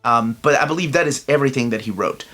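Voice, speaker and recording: Faint music plays behind a middle-aged man from Peru as he hosts his comic book collector channel's casual solo review vlog. He talks fast in a mid-range voice that sounds pushed and bright, staying chatty and enthusiastic while straying into filler-laden asides.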